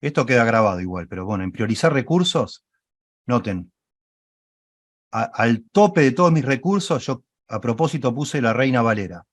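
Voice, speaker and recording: A man leads an online Bible study class, talking his listeners through software on screen. He explains patiently, keeps checking that they follow, and corrects himself as he goes. His voice sits at an ordinary male pitch in a dry, close recording. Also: animated, moderate pace, dry recording.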